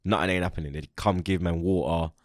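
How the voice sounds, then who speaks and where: This podcast host is a young man from London, England, whose low voice keeps a fairly even intonation as he speaks fast. He tells a relaxed, slang-filled story, performing each character's lines, captured in clean studio sound without echo.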